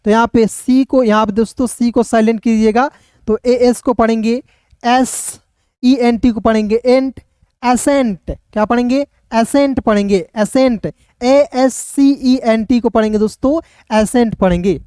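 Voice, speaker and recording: A man teaching English pronunciation in an online lesson, spelling words out slowly letter by letter and repeatedly coaxing his viewers. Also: very high voice, steady tone, darkish tone, clean tone, dry recording, studio quality. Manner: repetitive, coaxing, keeps addressing viewers as friends.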